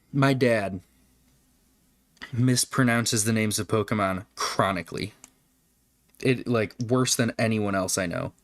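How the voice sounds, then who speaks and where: A man's voice: fairly low pitch, slow, long pauses, a bit bright, no echo. A man hosting a casual livestream, chatting with viewers in a rambling, profane way. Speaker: livestream host. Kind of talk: casual live-stream chat.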